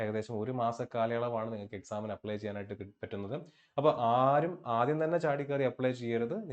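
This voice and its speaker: A man's voice: medium pitch, darkish tone. A man giving an exam-prep lesson, asking questions and answering them himself. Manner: asks and answers his own questions, repeats key points. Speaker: exam coaching teacher. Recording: dull lo-fi audio.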